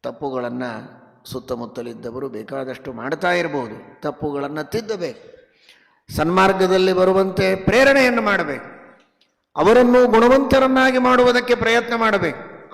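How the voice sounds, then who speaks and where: A man with a North Karnataka Kannada accent preaches a devotional sermon, his fairly high voice rough with gravel. He chants Sanskrit verses slowly and shifts between loud emphatic stresses and quiet asides. The sound rings on in a long hall reverb. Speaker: religious teacher giving a discourse.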